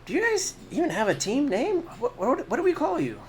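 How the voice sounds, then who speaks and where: A man's voice: very high-pitched, huge pitch swings, brisk, a little hiss or hum, pitched above the performer's own voice, full character voice. A man voicing an eager female tavern barmaid who greets and serves guests heartily. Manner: loud, hearty, hospitable announcing.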